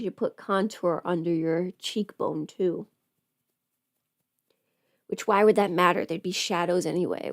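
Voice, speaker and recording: A livestream host and voice performer chats casually while doing her makeup, playful and absent-minded, muttering to herself. Her voice is mid-range, close-miked, and dry.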